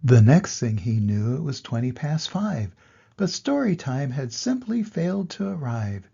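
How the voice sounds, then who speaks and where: Gravelly, animated grandpa voice reading a story. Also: male voice, mid-range voice, unhurried, muffled recording. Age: older. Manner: grandpa voice, expressive delivery to little children. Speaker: grandfather reading a children's book aloud. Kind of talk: storytelling read-aloud for young children.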